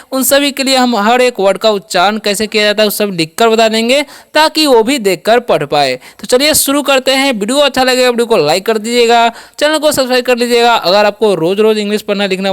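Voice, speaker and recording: A man teaching a spoken language lesson, explaining slowly and repeating himself, checking in often with his students. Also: extremely high pitch, fairly bright tone, clean tone, no echo. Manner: slow, repetitive explaining, checking in with "ठीक है". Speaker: English teacher.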